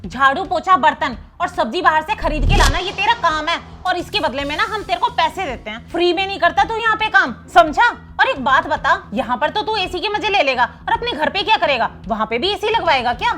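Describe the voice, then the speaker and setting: A woman's voice: extremely high pitch, expressive, brisk, hardly any pauses, sharp tone, soft background music, exaggerated voice. A woman acting a bossy wealthy house mistress who scolds and taunts in a short drama skit. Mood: scolding. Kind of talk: scripted Hindi skit acting.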